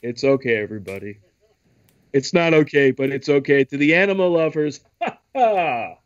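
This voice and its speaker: A man's voice: mid-range voice, animated, normal speed, no echo. A man hosting a podcast in casual chat, joking around and doing mock voices, recorded on a computer mic over a call. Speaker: podcast host. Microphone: computer mic on a Skype call. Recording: dry, dull lo-fi call audio.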